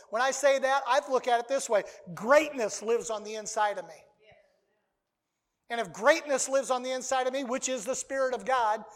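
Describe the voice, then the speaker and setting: A preacher delivering a sermon, reading scripture aloud and driving points home by repeating key phrases. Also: medium pitch.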